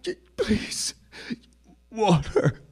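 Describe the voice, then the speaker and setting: A solemn, slow-speaking galley slave. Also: male voice, medium pitch, lively intonation. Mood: pleading. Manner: solemn, measured. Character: grim, suffering galley slave recounting his ordeal, vengeful. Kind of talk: dramatic first-person narration. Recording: loud music bed with guitar.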